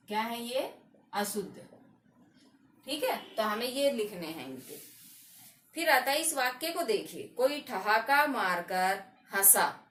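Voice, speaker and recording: A woman teaching a grammar lesson, drilling each word slowly and answering her own questions on her words. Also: fairly high pitch, fairly bright tone. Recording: echoey room, voice from a distance.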